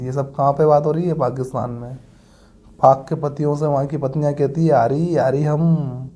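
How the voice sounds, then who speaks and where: Gravelly tutor with a dark voice. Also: male voice, on the high side. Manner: homely, addresses students as beta and bhaiya. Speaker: teacher. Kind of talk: exam-prep mnemonic lesson.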